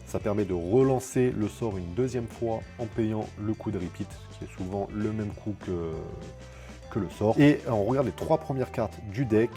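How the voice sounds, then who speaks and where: Mellow low-voiced man opening card packs. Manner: reads card names slowly, then explains rules in a quick, low aside; frequent fillers and self-corrections. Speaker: card game content creator. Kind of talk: casual booster-opening commentary.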